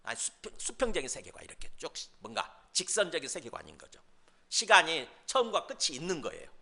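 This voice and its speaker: A male pastor preaches in a chatty, questioning way, now and then slipping into a mocking scoffer's voice. His voice sits high for a man and swings widely in pitch. The tone is bright and forward. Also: wildly swooping pitch, fairly quick, gravelly. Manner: conversational preaching with rhetorical questions; mimics scoffers in mocking asides. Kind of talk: sermon.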